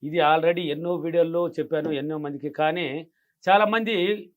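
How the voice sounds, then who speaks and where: A man's voice: on the high side, fairly even intonation, moderate pace. A man giving emphatic money-affirmation advice in an interview, repeating his key phrases. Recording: dull lo-fi sound.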